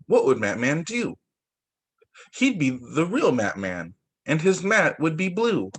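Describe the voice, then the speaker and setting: Over a video call, a preschool teacher with a husky young male voice, pitched a little high, reads picture books to kids. His delivery is sing-song and expressive, leaning into the rhymes of a read-aloud story time for young children.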